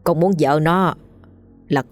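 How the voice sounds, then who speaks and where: A woman voicing a cruel spoiled young man, menacing, mocking, lower voice, storybook. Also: slow pace, faint music behind.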